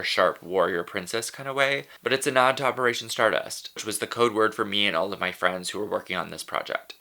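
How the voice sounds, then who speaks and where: Male drag queen vlogger, sassy and playful, fairly low pitch with a sharp, bright edge. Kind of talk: chatty scripted vlog narration.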